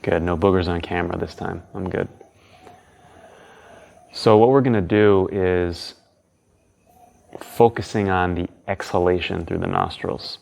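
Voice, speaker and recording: A man's voice: low-pitched, fairly even intonation, measured pace, gravelly, pauses often, darkish tone. A man teaching a guided breathing lesson as an instructor, with casual, informal phrasing.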